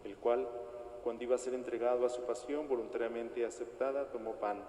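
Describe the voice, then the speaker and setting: Priest praying in cathedral-like echo. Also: male voice, medium pitch, fairly even intonation, warm tone. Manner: solemn, formal, measured recitation. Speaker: priest celebrating Mass. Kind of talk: liturgical prayer at Mass. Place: large reverberant church interior. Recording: echoey church hall, long reverb, noisy.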